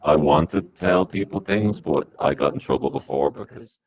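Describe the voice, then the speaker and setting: A man speaking through a disguised deep voice as a podcast guest, giving rambling, halting answers. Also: gravelly, highs cut off, crowd noise. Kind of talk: comic podcast interview.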